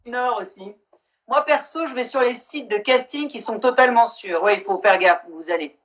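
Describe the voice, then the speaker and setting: Her voice sits fairly high and moves at an ordinary pace. She's a middle-aged actress running a relaxed live stream on a video call, candid in her talk and occasionally swearing.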